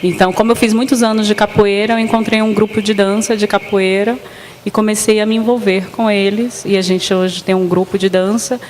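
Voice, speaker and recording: A woman dancer tells her story in an earnest, mid-pitched voice during a panel talk. The sound is roomy with a long hall tail and a faint hiss underneath. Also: fairly even intonation, brisk, darkish tone. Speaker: dancer and festival organizer. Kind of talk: panel discussion. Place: arts center stage. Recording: reverberant hall with faint noise.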